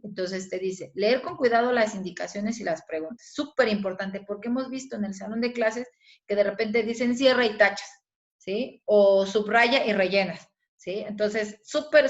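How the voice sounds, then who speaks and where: A woman's voice: mid-range voice, dull audio. A woman teacher with a Mexican accent giving a recorded video lesson, explaining step by step and often checking in with her pupils. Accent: Mexican Spanish. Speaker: schoolteacher.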